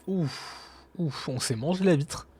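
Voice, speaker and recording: A man's voice: fairly high pitch, slow, very noisy. A young adult man, chatting casually and bantering in slang while gaming. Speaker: streamer.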